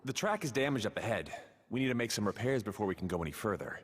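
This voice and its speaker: A man's voice: on the low side, lively intonation, quick pace, a little hiss or hum, close to an everyday voice. A man voicing a practical young guide in a video game, casual and helpful, explaining things like a know-it-all. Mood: explanatory. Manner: explanatory, with hesitant technical asides. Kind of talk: video game character acting.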